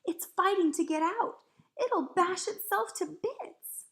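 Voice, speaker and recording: A woman's voice: fairly high pitch, expressive, moderate pace, creaky. A woman voicing a curious, earnest young girl in a storybook, with an inquisitive way of talking. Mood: excited.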